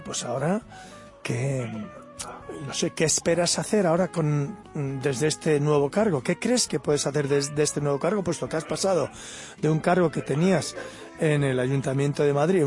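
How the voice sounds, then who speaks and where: A man's voice: a little high, moderate pace, a little mellow, soft background music. A man, a pastor hosting a radio interview, encouraging his guest.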